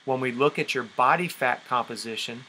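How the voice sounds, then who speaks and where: A man coaching endurance sports on a conference call explains things directly and emphatically, posing rhetorical questions as he goes. He speaks at normal speed with a medium-pitched, sharp voice, and the low-quality recording carries a little hiss or hum.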